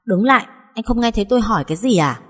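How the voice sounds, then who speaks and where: A woman voicing a hot-tempered young woman who speaks in sharp, indignant retorts. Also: fairly high pitch, fast talker, voice pushed up, close to an everyday voice.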